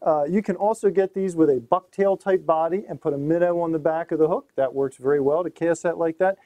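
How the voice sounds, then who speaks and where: Upbeat middle-aged man, high-ish voice. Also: fairly quick, warm tone, no echo. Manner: upbeat, emphatic repetition. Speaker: host. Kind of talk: gear demonstration. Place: small tackle shop room, indoors.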